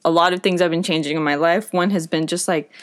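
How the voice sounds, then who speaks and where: A young woman in casual chat, animated and giggly, speaking earnestly about her life. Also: lowish voice, quick pace.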